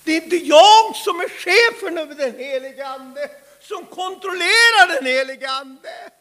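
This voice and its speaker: A man preaching a fervent Pentecostal sermon, swinging from hushed asides to loud shouts. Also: very high-pitched, animated. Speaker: pastor. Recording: long hall reverb.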